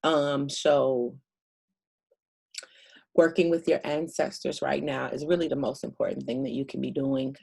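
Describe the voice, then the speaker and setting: A woman's voice: extremely low pitch, steady tone, unhurried, vocal fry, pauses often, warm tone, husky, low-quality recording. A woman giving a casual spiritual reading to camera, blunt and profane, with many fillers. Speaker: spiritual reader.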